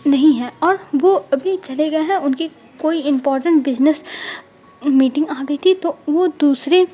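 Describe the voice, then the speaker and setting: Brief: woman storyteller playing a protective stepmother in a spoken storybook, gentle and reassuring. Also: high voice, measured pace, soft background music. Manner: soothing, reassuring. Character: loving protective motherly woman, soothing.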